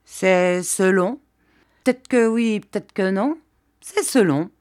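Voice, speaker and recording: A woman's voice: fairly low pitch, animated, unhurried, a little mellow. A woman voicing an awkward young peasant man who stammers and dodges questions in rustic speech. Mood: evasive.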